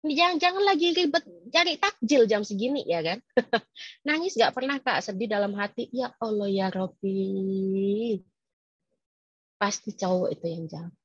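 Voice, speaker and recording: Teasing woman giving a lively webinar talk. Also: fairly high pitch, brisk, husky, dry recording, muffled recording. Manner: lively, teasing, quizzes the audience. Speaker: webinar speaker. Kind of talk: casual talk to staff.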